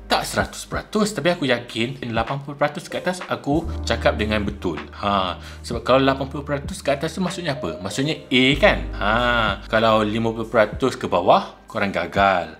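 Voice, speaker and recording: A young man from Malaysia with a Malaysian accent, talking casually to camera in his vlog, lively and mixing in English words. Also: fairly quick, few pauses, faint music behind. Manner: animated, mixes English into his talk, shifts pitch for emphasis. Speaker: vlogger.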